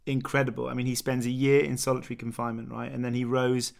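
A man in a casual conversation, asking questions in a relaxed, admiring way. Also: mid-range voice, fast talker, creaky. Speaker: guest interviewer.

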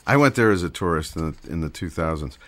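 A man's voice: sits low, expressive, quick pace, fairly bright tone. A man hosting a radio show, talking in an easygoing way and laughing often. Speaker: radio host. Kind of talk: casual radio interview.

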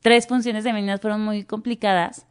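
A young Mexican woman tells stories from her acting career. She speaks in a Mexican Spanish accent with lively energy and acts out the people she quotes in full dialogue. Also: mid-range voice, a little fast, clean tone. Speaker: guest actress. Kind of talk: casual interview storytelling.

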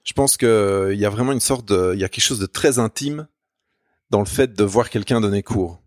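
The recording is dry and of studio quality, capturing a man whose voice sits on the low side and sounds a little mellow. He teaches Spanish at a university, carries a Belgian French accent from Namur, and talks fairly quickly and self-mockingly as a podcast guest, with many restarts.

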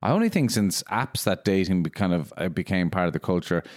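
Irish man, low voice, dry sound. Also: animated, no room sound. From Ireland. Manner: interjects with questions and quick agreement. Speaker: podcast co-host. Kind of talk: casual chat.

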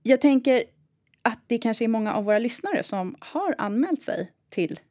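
A woman's voice: on the high side, sing-song, darkish tone, no echo, clean studio sound. A woman hosting a conversation, asking her guest questions in an inquisitive way. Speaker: host. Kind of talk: conversational interview.

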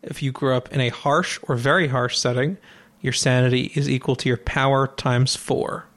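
A man's voice: mid-range voice, fairly even intonation, moderate pace, a bit bright. Teasing male game master. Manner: dry, teasing while explaining rules. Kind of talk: running a tabletop game session.

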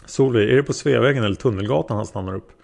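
A man reading the questions of a patient female interrogator, gently probing a witness. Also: mid-range voice, creaky. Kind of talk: read-aloud interrogation transcript.

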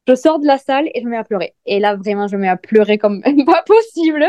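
A woman in her thirties tells her own story in relaxed podcast chat, full of fillers and animated retelling. Her voice sits a little high yet sounds mellow and warm. The sound is dry and close. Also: fast talker, no room sound. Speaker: guest telling her birth story.

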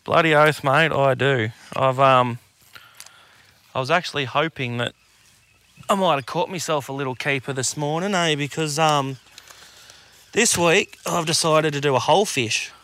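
A man's voice: a little high, normal speed, pauses often, pushed and bright. A man with an Australian accent chatting casually as a podcast co-host, in a slangy, sweary, blokey tradesman way. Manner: laid-back blokey Aussie tradesman talk, slangy and sweary. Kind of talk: casual chat.

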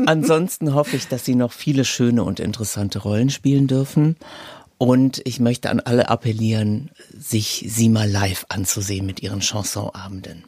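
A man's voice: fairly low pitch, fairly even intonation, moderate pace, darkish tone, breathy edge, dry recording. Male podcast host, dry sound. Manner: friendly, polite presenting. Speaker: interview host. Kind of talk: radio-style interview and presenting.

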